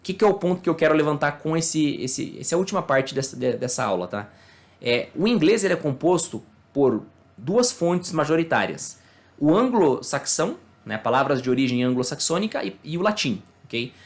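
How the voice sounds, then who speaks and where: A Brazilian man, a native Portuguese speaker, giving a casual online English lesson, explaining slowly and checking in with tag questions and fillers. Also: fairly high pitch, very animated. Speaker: English teacher.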